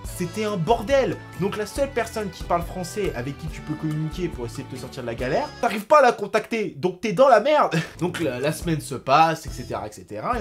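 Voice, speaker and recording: Animated young man telling a story. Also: fairly high pitch. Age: 20s. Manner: animated and slangy, with frequent swearing. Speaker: vlogger. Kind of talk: casual storytelling to camera.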